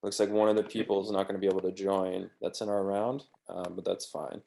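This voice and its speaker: A fairly low-voiced man from the American East Coast runs a video-call meeting. His voice has a gravelly edge, and he keeps the group organized in an easygoing, relaxed way. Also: brisk. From United States, East Coast.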